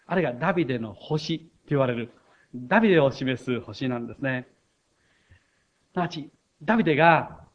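A middle-aged male pastor preaching with a somewhat high voice, building emphasis and rising sharply on key points. The recording is muffled and lo-fi, as if taped in a church. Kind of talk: sermon.

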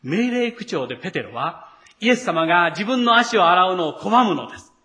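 Bright-voiced male pastor preaching. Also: sits high, expressive, normal speed. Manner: acts out the quoted lines; speaks to the congregation directly. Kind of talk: sermon.

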